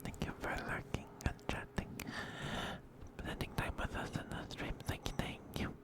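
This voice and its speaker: A man streamer whispering slow, repetitive soothing praise to a viewer in an ASMR style, close to the microphone. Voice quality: whispered, breathy.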